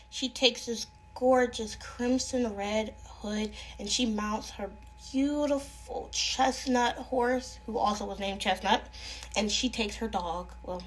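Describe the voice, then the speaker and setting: A woman's voice: fairly high pitch, a bit bright. A young woman improvising a fairy tale aloud, chatty and sassy, with playful asides. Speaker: storyteller. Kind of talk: improvised oral storytelling.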